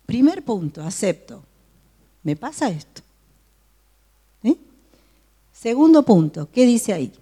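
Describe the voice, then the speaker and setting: A woman's voice: fairly high pitch, big pitch swings, slow pace, long pauses, warm tone, husky. A woman teaching a Bible study to a group, often asking her listeners questions. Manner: asks the listeners frequent questions.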